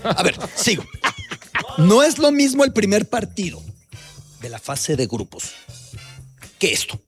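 A man holds forth on a sports talk panel, rattling off facts and lists from memory in a notably high voice. Faint music sits under him. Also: wildly swooping pitch, a little slow. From Mexico. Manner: lecturing, reels off facts and lists.

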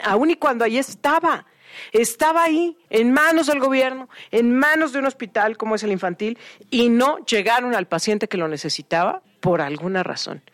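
A woman's voice: on the high side, a bit bright, no echo. A woman anchoring a radio news show, giving opinionated commentary with pointed, indignant questions.

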